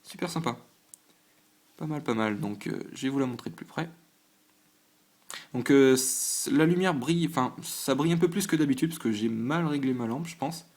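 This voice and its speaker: Brief: man, mid-pitched, casual host at a home desk, hesitant and stumbling, lists things with quick verdicts. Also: darkish tone. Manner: stumbling, hesitant, full of fillers and restarts; chatty, listing items one by one with quick reactions. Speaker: channel host opening trading card packs. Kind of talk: casual on-camera commentary. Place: at home at a desk under a lamp.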